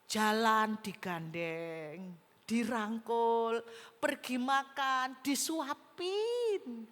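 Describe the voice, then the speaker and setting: A woman pastor preaching a sermon, telling a story with lively emphasis and speaking straight to the congregation. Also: a little high, extremely slow. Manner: animated storytelling, addresses the congregation directly. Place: large auditorium. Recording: hall reverb.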